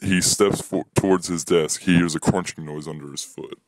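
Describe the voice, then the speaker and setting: A man's voice: steady tone, moderate pace, slight background noise. A young man reading his own short story aloud, lifting his voice for the dialogue. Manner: plain reading, voices dialogue with higher pitch.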